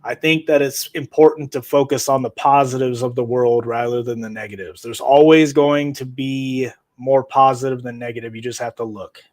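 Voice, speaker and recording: A man's voice: medium pitch, no echo, poor audio. A man talking earnestly and rambling about spiritual ideas over a video call, his audio cutting out. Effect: voice over a choppy video call, audio cutting out. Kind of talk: casual spiritual chat.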